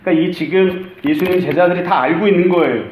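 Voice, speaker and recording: A man's voice: high voice, quick pace, a little mellow, echoey room, a little hiss or hum, rough recording. A middle-aged male pastor preaching a conversational sermon, acting out the lines he quotes.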